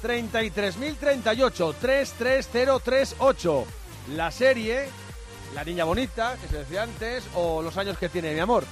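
A high-pitched man hosts a radio sports show over a prominent music bed. He announces numbers like a bingo caller, spelling them out digit by digit. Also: expressive, moderate pace. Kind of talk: sports news round-up and live football radio hosting. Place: radio broadcast.

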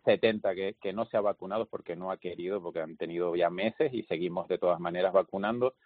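A man interviewed as a health official, explaining in a lively, anecdotal way. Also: low-pitched, quick pace, no echo. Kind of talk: phone interview. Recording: dry, tinny phone line.

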